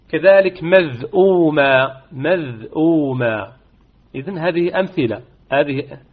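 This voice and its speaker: A man teaching Quran recitation rules in an online lesson. He repeats key words and draws them out slowly to demonstrate them. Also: mid-range voice, highs cut off. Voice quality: husky.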